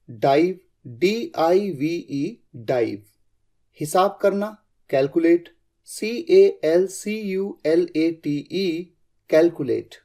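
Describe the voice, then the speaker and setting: An English vocabulary teacher giving a scripted lesson, saying each word, spelling it out letter by letter, then repeating it in a lower, firmer tone. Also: warm tone. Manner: drops to a lower, firmer pitch on the final repeat.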